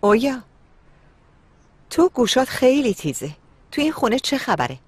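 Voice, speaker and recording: A woman's voice: high voice, big pitch swings, husky, dry recording, exaggerated voice. A woman dubbing a haughty lady of the house who snaps at her maid. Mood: scornful. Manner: scornful, snappy.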